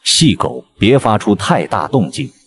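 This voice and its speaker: A man's voice: fairly low pitch, very animated, measured pace, crowd noise. A man voicing a grumbling, put-upon logger in a cartoon game parody, irritable and easily flustered. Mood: wary. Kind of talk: fan game-animation dub.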